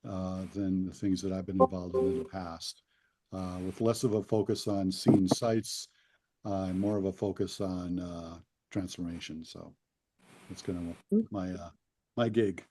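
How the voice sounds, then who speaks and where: A man who runs a tour company introducing himself on a video call in a relaxed, rambling way with many fillers. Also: low-pitched, a little slow, husky. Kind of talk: casual self-introduction.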